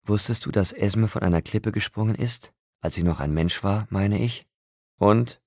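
A man's voice: on the low side, normal speed, a little mellow, no echo, studio quality, voice pushed up. A man reading an audiobook, voicing an upset young man who urgently pleads with a friend. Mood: pressing.

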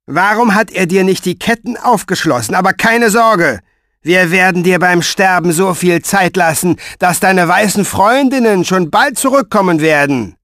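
A man doing a sneering, high-pitched villain. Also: normal speed, a bit bright, no room sound, clean studio sound. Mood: mocking. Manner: mocking, menacing. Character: sneering cruel male villain commander.

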